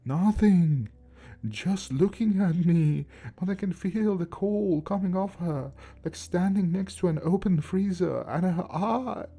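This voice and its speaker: A man voicing a frightened, guilt-ridden elderly grandfather in a horror story, with a slow, strained, halting voice. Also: on the high side, expressive, dark tone, slightly rough, pitched above the performer's own voice, exaggerated voice. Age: older. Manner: halting, broken speech.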